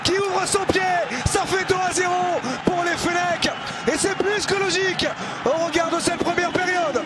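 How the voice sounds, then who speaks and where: A man giving excited live football commentary in a raised, shouting voice. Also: very high voice, moderate pace. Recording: very noisy stadium, roaring crowd. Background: loud stadium crowd.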